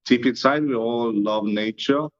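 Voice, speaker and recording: A disc golf YouTuber appears as an interview guest, answering questions in an easygoing, modest way. He has an Estonian accent and an unhurried, medium-pitched voice, and the audio is muffled and lo-fi.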